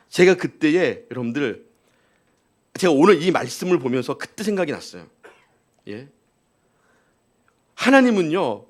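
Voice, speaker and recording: A male pastor preaching a live Sunday sermon. He tells a story, acts out quotes and keeps asking the congregation rhetorical questions. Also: mid-range voice. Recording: live church service.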